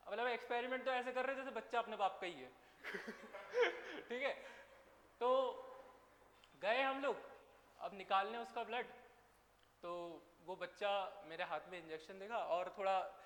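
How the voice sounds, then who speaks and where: A man's voice: sits high, a bit bright. A man teaching a biology class, chatty and teasing his students as he tells a story. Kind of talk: classroom lecture with anecdotes. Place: large echoey classroom. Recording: echoey hall, faint room noise.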